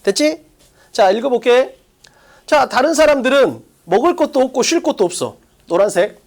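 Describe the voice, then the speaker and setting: An English exam-prep teacher giving an online lecture, coaching students with quick rhetorical questions in a casual, plain classroom way. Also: mid-range voice, sing-song.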